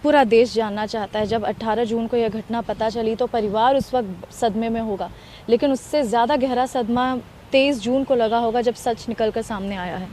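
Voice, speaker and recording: Woman news reporter, slightly high voice, probing and earnest, outdoors, faint traffic. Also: normal speed, mellow. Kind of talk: news interview questioning.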